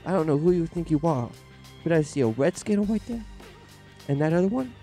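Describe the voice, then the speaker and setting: Comedy spoof: whiny, sassy baby-boy hero played by a man, hesitant childish rambling, lively intonation. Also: a little high, a little fast, soft background music, voice pushed up. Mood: indignant.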